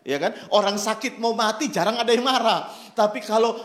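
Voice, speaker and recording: A man preaching a sermon with a rather high voice. He speaks earnestly, drawing out his key phrases for emphasis, and his words echo through a reverberant church hall. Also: fairly quick, fairly bright tone. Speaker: pastor. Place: church during an online service.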